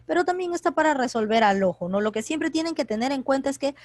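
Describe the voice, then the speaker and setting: A woman runs an online grammar class, calling on students by name in a quick, chatty way. Her voice sits fairly high and sounds dry and close to the mic, with no room echo. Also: animated. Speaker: teacher. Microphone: computer mic on a video call.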